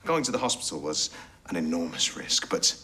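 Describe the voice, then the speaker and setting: An actor playing a relentless, accusing male prosecuting barrister in a TV soap, with measured, pointed rhetorical questions. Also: deep voice, big pitch swings, pushed and bright, exaggerated voice. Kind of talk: TV soap courtroom acting.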